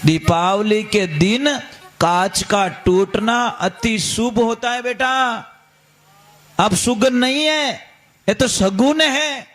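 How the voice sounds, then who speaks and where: A man voicing a scolding middle-aged village mother-in-law, sharp and bossy in tone. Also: sits high, takes it slowly. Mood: doting.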